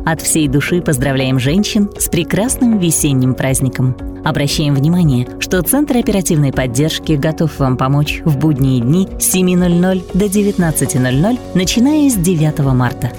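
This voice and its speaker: Low, polished phone-menu woman. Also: moderate pace, music in the background. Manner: polished, even-paced, courteous. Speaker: voice-over announcer. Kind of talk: recorded phone greetings.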